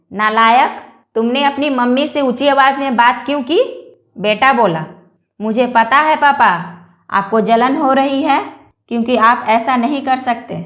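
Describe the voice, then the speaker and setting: A woman tells short jokes one after another, taking her time over each line. Her voice sits a little high. A roomy echo hangs around her. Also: fairly bright tone. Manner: unhurried storytelling delivery. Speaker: joke narrator. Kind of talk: reading Hindi jokes aloud.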